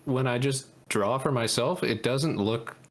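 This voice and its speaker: A man's voice: medium pitch, measured pace. A man chatting casually and joking with fellow artists while drawing. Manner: joking, chatty, with many fillers. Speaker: artist in a group drawing stream. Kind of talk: casual chat. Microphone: online voice call.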